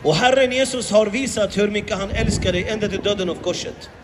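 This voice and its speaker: Impassioned male street preacher, very high voice, outdoors, with faint traffic hum behind him. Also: big-room sound. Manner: impassioned, rhetorical questions, repeats phrases. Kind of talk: open-air evangelistic preaching.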